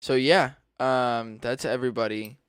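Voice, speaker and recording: A man's voice: medium pitch, steady tone, measured pace, clean tone, dry recording, clean studio sound. A man co-hosting a casual podcast from home, rambling through stories with lots of fillers. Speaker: podcast co-host. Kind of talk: casual chat. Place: home dining room.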